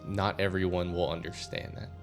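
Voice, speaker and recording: Tabletop player guy, super deep gravelly voice, slow and serious. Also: flat delivery, soft background music. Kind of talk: tabletop role-play and reading aloud.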